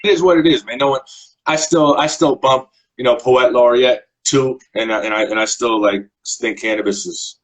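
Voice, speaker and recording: A man's voice: medium pitch, fairly even intonation, normal speed, poor audio. A man from Nova Scotia with a Canadian accent, hosting a casual video chat in a laid-back way, often saying "man". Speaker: podcast host.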